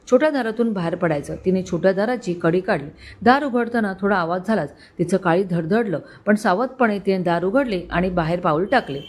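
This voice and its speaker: Woman reading a tense story aloud, dramatic, mid-pitched voice. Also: darkish tone. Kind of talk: scripted narration.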